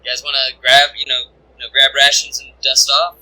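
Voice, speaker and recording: A man's voice: mid-range voice, little pitch movement, brisk, bright, forceful tone, rough recording. A man playing a tabletop game, talking casually, joking and swearing freely. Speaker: player.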